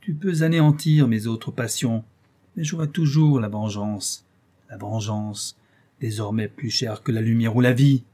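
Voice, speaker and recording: A man's voice: mid-range voice, unhurried, dark tone, natural voice. A man voicing a wretched, vengeful male creature, reproachful and menacing, in an audiobook reading.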